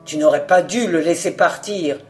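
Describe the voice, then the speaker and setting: A woman voicing a confident older male detective, lowering her voice and speaking firmly. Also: normal speed, faint music behind, lightly acted. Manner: low, firm, scolding.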